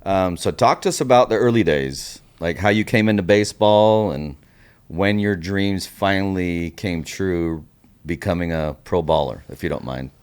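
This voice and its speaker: A man in his forties, from Puerto Rico, is the host of an interview podcast. His voice sits low. He speaks earnestly, in the way of a motivational speaker, and slips Spanish phrases into his English. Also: normal speed, a little mellow, clear, resonant tone. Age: 40s.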